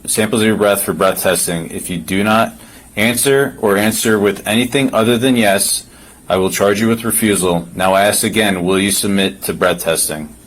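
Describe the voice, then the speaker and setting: Low-voiced policeman, procedural and insistent. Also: moderate pace, rough recording. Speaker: police officer. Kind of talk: formal reading of a legal form, firm instructions. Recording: body camera with faint noise.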